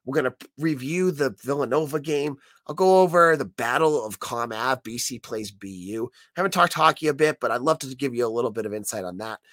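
An American man with a hoarse, croaky frog voice from being sick gives opinionated, conversational sports commentary as a solo podcast host. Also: mid-range voice, fairly quick, hardly any pauses, fairly bright tone, no echo.

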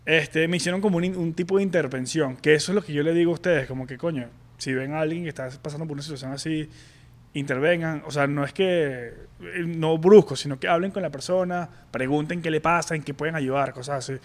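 On the high side and quick, this man's voice carries a candid personal story on a casual podcast he co-hosts. The telling is loose, with many restarts and fillers.

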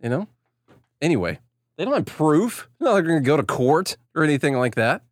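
A man's voice: a little high, sing-song, a little fast, dry recording, studio quality. A man co-hosting a talk show, giving casual, blunt commentary and acting out quoted dialogue. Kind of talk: casual opinionated commentary on video clips.

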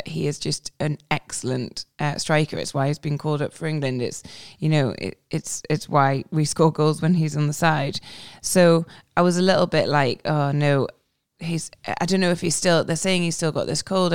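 A woman's voice: low voice, smooth, no room sound, clean studio sound. A woman talking casually as a football podcast panelist, chatty and prone to restarting her sentences. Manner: chatty, self-interrupting, laughs while talking.

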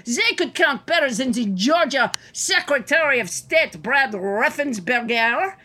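A woman's voice: high voice, animated, a little slow, sharp tone, a little hiss or hum, heavily acted. A woman voicing a crude, boastful male president in a comedy press conference parody, blunt and pompous. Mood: smug, dismissive.

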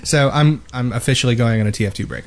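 Speaking at a quick clip in a mid-range voice, this male podcast host rambles casually and self-deprecatingly about games. He records from a home studio whose walls have no padding, with a boom-mounted mic positioned close before his mouth.

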